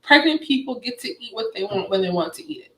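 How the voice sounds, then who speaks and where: A woman's voice: a little high, animated, quick pace, pushed and bright. A pregnant young woman co-hosting a casual couple's podcast, teasing and arguing with a laugh. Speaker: podcast co-host.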